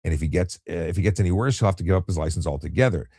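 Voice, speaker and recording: A retired traffic police officer hosts a relaxed late-night live stream, reading out viewer questions. His voice is low and husky, and he talks at a racing pace, calm and explanatory but with many restarts and fillers. The sound is clean studio audio with no room sound.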